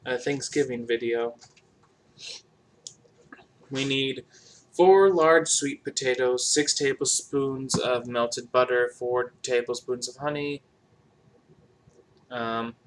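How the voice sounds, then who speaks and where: A man casually chatting while cooking in his home kitchen, sounding low-energy and a bit sick with a dry throat, talking in a monotone full of fillers. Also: slow pace, pauses often. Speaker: cooking vlogger. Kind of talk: casual cooking vlog chat. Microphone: camera across the kitchen.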